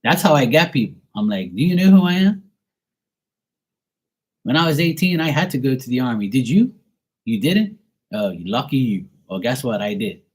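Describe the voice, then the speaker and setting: A man's voice: mid-range voice, sing-song, normal speed, pauses often, husky. A man from Bermuda with a Bermudian accent, talking in a blunt, profane, ranting way on a casual livestream. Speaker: livestream host.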